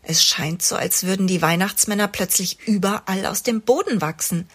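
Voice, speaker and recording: Husky-voiced woman, expressive storybook reader. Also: mid-range voice, moderate pace. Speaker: children's author reading her story. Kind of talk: storybook read-aloud.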